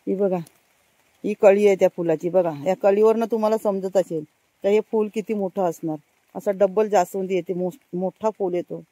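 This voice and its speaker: A woman's voice: mid-range voice, steady tone, normal speed, dark tone, dry recording, low-quality recording. A woman with a Konkan Marathi accent, casually showing viewers around a village garden outdoors and constantly urging them to look. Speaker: vlogger. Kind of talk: casual walk-and-show garden vlog.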